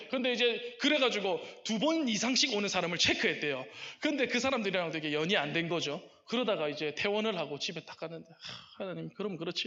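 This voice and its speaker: A man preaching a sermon, telling a story with lively shifts and softly acting out quoted prayers. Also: sits high, muffled recording. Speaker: pastor. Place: church sanctuary.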